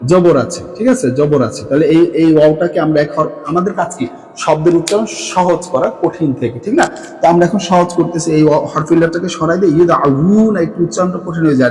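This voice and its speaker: A man's voice: on the high side, quick pace, darkish tone, long reverb tail, faint music behind, rough recording. A man with a Bangladeshi Bengali accent teaching a grammar lesson, often checking in with his students and repeating forms as he counts through them. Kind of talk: classroom lesson explaining grammar.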